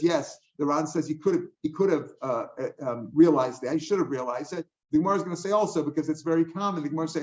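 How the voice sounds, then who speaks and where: A man's voice: a little high, a little mellow. An older man teaching a daily Talmud class, explaining passages line by line in a conversational way with asides and restarts. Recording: dull lo-fi recording.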